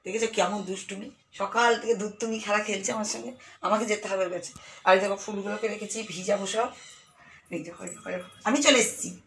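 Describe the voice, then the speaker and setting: A woman's voice: medium pitch, steady tone, fast talker, gravelly, a bit bright, slight background noise. A woman with a Bengali accent chatting casually to viewers in a home vlog, often cooing to a small child as she does chores. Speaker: lifestyle vlogger. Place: home balcony and rooms. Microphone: phone camera.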